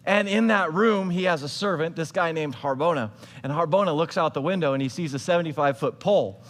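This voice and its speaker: A man with a high voice preaches a sermon. He retells an old scripture story like he is chatting with friends, dropping in modern slang and asides. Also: fairly quick, fairly bright tone, in a large hall. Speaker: pastor.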